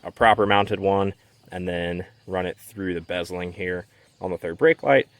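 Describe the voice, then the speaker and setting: Low-voiced and moderately paced, this man runs a casual garage DIY vlog. He explains a practical task in an informal, how-to style while doing the work himself.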